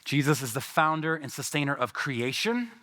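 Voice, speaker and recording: A man preaching a sermon as pastor of his church, emphatic, with rising, lively phrasing and pauses. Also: a little high.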